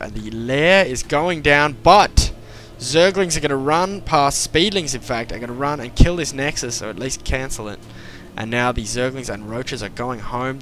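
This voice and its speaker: A man's voice: medium pitch, fairly bright tone, a little hiss or hum. Chatty young man casting an esports match. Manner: chatty, self-mocking, quick asides. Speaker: esports caster. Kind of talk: play-by-play commentary.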